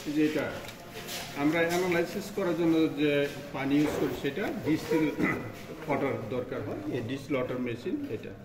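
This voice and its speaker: A man's voice: on the high side, brisk. A man guiding students through a laboratory, naming each machine and explaining its use step by step. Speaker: lab instructor. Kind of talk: lab equipment tour explanation. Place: large echoey laboratory. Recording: roomy echo, long reverb, faint noise.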